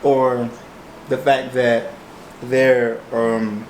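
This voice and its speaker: A man's voice: medium pitch, level tone, extremely slow. A man with an American accent chatting casually, thinking aloud and often checking that he is understood. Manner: hesitant, thinking aloud, hedging with frequent checks. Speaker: co-host of a mukbang chat show. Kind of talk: casual relationship chat. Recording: roomy echo, faint background noise.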